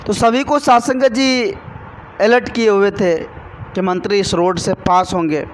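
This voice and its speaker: High-voiced man preaching a devotional sermon. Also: fairly even intonation, unhurried, slight background noise, poor audio. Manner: calls the congregation again and again, storytelling. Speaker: spiritual speaker.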